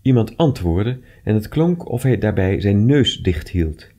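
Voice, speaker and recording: A man reading short stories aloud with expressive, measured narration. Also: fairly low pitch. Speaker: reader.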